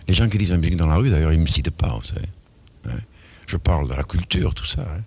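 A man's voice: low-pitched, animated, quick pace, vocal fry, darkish tone, husky. A man being interviewed as a musician, talking in a rambling, indignant way with many restarts and asides.

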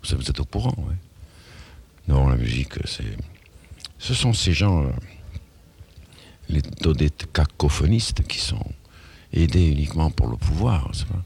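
Super deep gravelly guy ranting in an interview, keeps restarting, grumbly and indignant. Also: big pitch swings, a little slow, pauses often, a little mellow. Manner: digressive and indignant, full of restarts and asides. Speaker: musician being interviewed. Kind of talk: rambling interview talk.

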